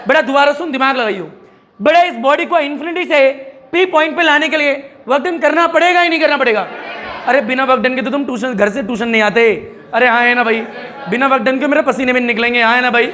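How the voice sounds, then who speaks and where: A man's voice: extremely high pitch, fast, sharp tone, a faint crowd. A man teaching a physics class to students, quizzing them again and again and joking as he goes. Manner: keeps quizzing students with repeated questions and jokes.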